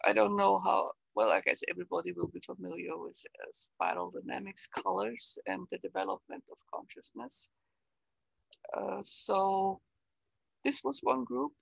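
An older woman with an Austrian German accent, speaking English on a video call, reflective and halting, with many fillers. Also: medium pitch, gravelly, no room sound, low-quality recording. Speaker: interview guest, salon organizer. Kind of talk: casual conversation on a video call. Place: bright room at home. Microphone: webcam on a video call.

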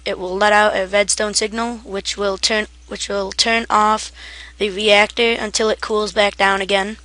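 A gaming tutorial maker with a mid-range, bright, gravelly-edged voice drowsily walks through a video game setup in a casual tutorial. Sleepy and rambling, she stumbles over words and laughs at her own slip-ups while keyboard typing plays in the background.

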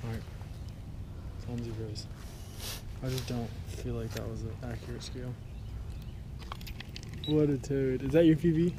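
A young man vlogging at a lakeshore, talking about his catch in an excitable, slangy way. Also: medium pitch, a little slow, long pauses, noisy background. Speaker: fishing vlogger. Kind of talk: excited outdoor fishing chat. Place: lakeshore in woods, outdoors. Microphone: action camera.

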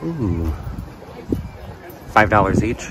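A man giving casual running commentary while browsing an outdoor flea market, murmuring excited remarks about items and prices, recorded on a handheld phone. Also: lowish voice, extremely slow. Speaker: vlogger shopping a flea market. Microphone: handheld phone camera, first-person view. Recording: loud outdoor background noise.

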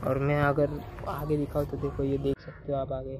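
A young man filming himself with a phone at arm's length on an outdoor railway platform. He explains casually and pauses for fillers. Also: mid-range voice, completely flat delivery, background noise. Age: young adult. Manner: chatty, explanatory, halting with fillers. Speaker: travel vlogger. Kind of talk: casual travel vlog.

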